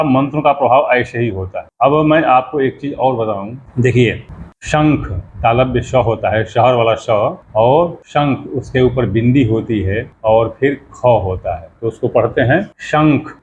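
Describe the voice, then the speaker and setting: A man explaining how mantras should be pronounced, patiently repeating words slowly to demonstrate each sound. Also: mid-range voice, highs cut off, a little hiss or hum. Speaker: astrology teacher. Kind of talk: explanatory talk on mantra pronunciation.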